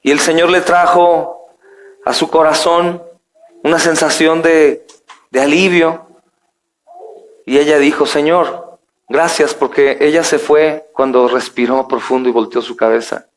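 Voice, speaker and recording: A man's voice: a little high, fairly even intonation, measured pace. A male pastor preaching a sermon, telling a story and reading scripture to his congregation. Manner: addresses congregation as brothers, storytelling.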